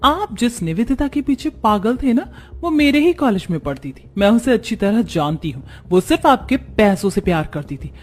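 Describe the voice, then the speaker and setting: A woman's voice: on the high side, very animated, moderate pace. A woman voicing a bold, cheeky young sister in a cartoon story who speaks frankly and teasingly.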